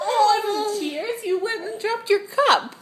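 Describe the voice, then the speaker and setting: A woman's voice: very high-pitched, background noise. A mother talking baby talk to her toddler, playful and sing-song with exaggerated gasps, at home.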